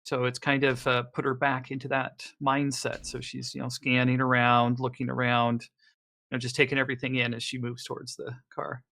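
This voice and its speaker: A man's voice: mid-range voice, monotone, normal speed, creaky, bright, forceful tone. A man playing a tabletop role-playing game, describing his character's actions in a loose, rambling way. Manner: thinking aloud, loose and rambling. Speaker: player.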